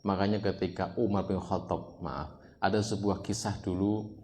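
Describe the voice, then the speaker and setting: A man with a Javanese accent preaching a sermon, lively, often questioning the listeners and jumping up in pitch. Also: moderate pace, slight background noise. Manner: lively, keeps asking the audience questions, sudden high jumps. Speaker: Islamic preacher. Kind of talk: sermon to a live congregation.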